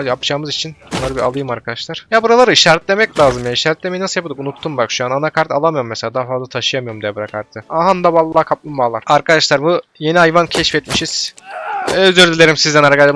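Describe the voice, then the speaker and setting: A man doing casual gameplay commentary, talking straight to his viewers and getting loud and excited, swearing at enemies. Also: a little high. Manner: talks straight to viewers as "arkadaşlar". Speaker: let's play gamer.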